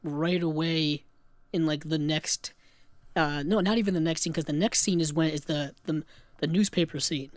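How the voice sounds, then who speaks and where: Animated man in a dry close recording. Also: on the high side, dry recording. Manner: animated, acts out scenes in quick put-on voices. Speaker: podcast co-host. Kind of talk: casual film discussion.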